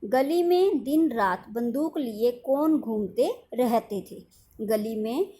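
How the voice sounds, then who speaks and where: A woman's voice: fairly high pitch, lively intonation, warm tone. A woman teacher, giving a lesson to a primary school class, reading out words one by one and explaining them. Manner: slow, dictating words one at a time with explanations.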